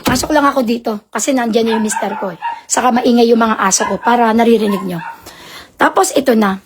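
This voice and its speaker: A woman's voice: brisk, background noise. A woman concert promoter on a live stream, telling her side of a dispute in an indignant, defensive way, often asking for agreement. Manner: animated storytelling, shifting pitch often.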